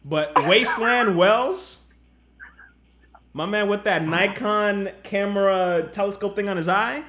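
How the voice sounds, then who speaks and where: A man co-hosting a casual podcast, playful and quick to laugh, using slang. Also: high-pitched, sharp tone. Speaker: podcast co-host. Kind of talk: casual chat.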